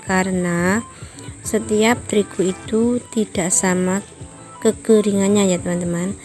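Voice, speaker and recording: A woman talks slowly and warmly through a cooking demonstration in her home kitchen. Her voice is dark and mellow, and she keeps turning to her viewers as friends. Faint music drifts in from somewhere outside. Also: medium pitch. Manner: chatty, addresses viewers as friends often; apologetic, explanatory asides. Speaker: home cooking channel host. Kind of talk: casual cooking tutorial. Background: distant loud music from a rehearsal.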